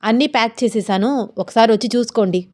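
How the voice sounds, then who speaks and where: A woman's voice: a little high, fast talker, darkish tone, no echo, natural voice. Woman doing a fussy mother-in-law. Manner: fussing, scolding. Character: fussy caring middle-aged mother-in-law.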